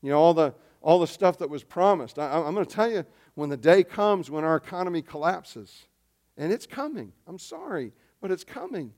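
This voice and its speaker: Animated male pastor, higher voice. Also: moderate pace. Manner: animated preaching, swings between loud emphasis and quiet asides. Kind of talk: sermon.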